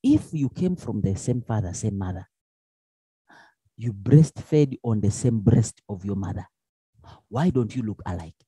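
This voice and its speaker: A man's voice: lowish voice, a little slow, pauses often, breathy edge, no echo. A man teaching a lesson, asking questions and answering them himself, with many restarts. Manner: lively, with many restarts and fillers. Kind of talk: explanatory lesson.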